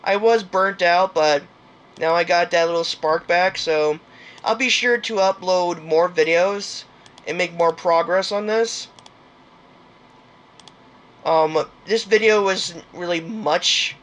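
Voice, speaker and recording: Young male gaming host, higher-pitched, rambling and hesitant. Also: slow, a bit bright. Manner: rambling, hesitant, many fillers and restarts. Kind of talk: casual game commentary outro.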